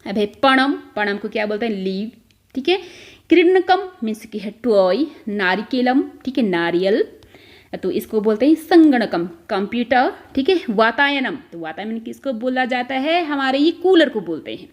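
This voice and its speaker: A woman's voice: fairly high pitch, lively intonation, moderate pace. A woman teaching a school textbook lesson, explaining each term step by step and often checking in with the listener. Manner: explains step by step, repeats "ठीक है" often, mixes in English words.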